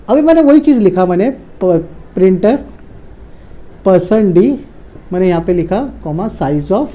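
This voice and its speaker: Mellow-voiced tutor. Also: male voice, high voice. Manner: asks and answers his own questions, repeats key words. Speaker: programming tutor. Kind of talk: casual coding lesson.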